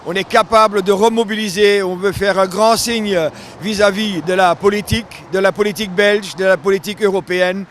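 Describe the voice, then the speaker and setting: Brief: activist, man, high pitch, emphatic and rousing. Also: fairly even intonation, brisk, fairly bright tone, a little hiss or hum.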